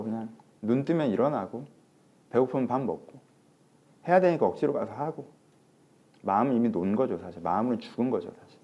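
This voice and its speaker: A man preaching a sermon as pastor in a conversational way, acting out quoted lines and often dropping to a soft murmur. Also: mid-range voice, dull audio. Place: church.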